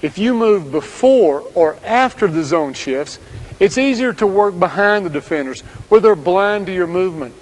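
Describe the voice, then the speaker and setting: A man giving scripted instructional narration as a basketball coach, speaking in steady, direct commands. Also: high voice, moderate pace, poor audio.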